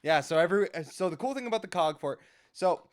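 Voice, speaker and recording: Excitable young man, lively pitch. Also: quick pace. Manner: excitable, laughs often, swears casually. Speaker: podcast co-host. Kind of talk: casual chat.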